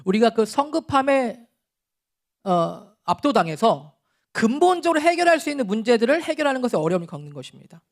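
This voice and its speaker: Lively Korean-speaking male pastor preaching. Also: very high voice, brisk, creaky. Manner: conversational preaching with chuckles and acted scolding. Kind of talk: sermon.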